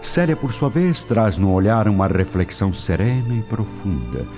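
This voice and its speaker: In a lowish voice with big pitch swings and a moderate pace, a man narrates a scripted radio drama set in ancient Rome. His manner is that of a solemn storyteller, and the dull lo-fi audio sits under prominent music.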